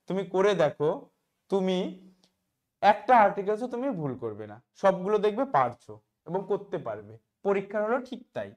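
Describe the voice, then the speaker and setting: Male teacher asking and answering questions. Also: sits high. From West Bengal, India. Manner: asks questions and answers them himself, often checks "okay?". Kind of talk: explaining grammar in a class video.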